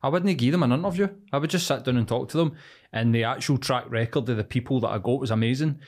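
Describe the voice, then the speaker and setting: Glasgow street-accented man, mid-pitched voice. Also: quick pace, a little mellow. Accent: Glasgow Scottish, street. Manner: slangy, inquisitive. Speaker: podcast host. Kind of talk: casual interview chat.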